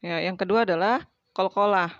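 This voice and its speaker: A woman gives a relaxed tajwid lesson, sounding out each letter with plenty of fillers. The recording is dry and a little dull, with no room sound. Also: mid-range voice, moderate pace, no echo. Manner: chatty, demonstrates letter sounds, frequent fillers. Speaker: Quran recitation teacher.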